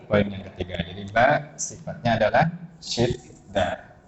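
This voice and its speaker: A man's voice: lowish voice, a little slow, roomy sound, muffled recording, a little hiss or hum. A man with an Indonesian accent teaching Quran recitation rules, quizzing his students and chanting example syllables. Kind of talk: tajwid lesson.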